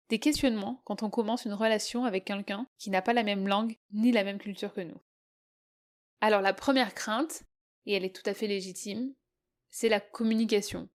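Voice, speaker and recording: A French woman from southeast France hosts a podcast, chatting casually in a friendly, conversational way with frequent hesitations. Her voice is mid-range and a little mellow.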